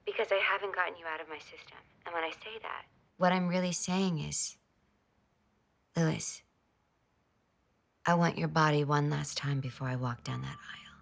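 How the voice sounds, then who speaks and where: A bold, breathy seductress. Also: female voice, sits low, fairly even intonation, moderate pace, pauses often. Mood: seductive. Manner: breathy, teasing, whispered seduction. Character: bold seductive woman, former flame of a lawyer.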